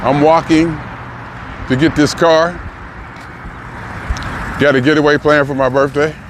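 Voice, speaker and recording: Older man, early sixties, reflective vlogger, halting and musing, walking a busy street, audible traffic behind. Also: on the high side, steady tone. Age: 60s. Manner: musing, halting, thinks aloud with pauses and restarts. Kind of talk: reflective personal vlog. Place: outdoors on a city street, walking. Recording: outdoor traffic noise. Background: passing cars and street noise.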